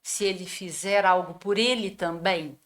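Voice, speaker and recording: A woman's voice: lowish voice, measured pace. A woman on a podcast persuasively making her case as a guest, posing rhetorical questions. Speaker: guest mental health professional. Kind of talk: explanatory conversation.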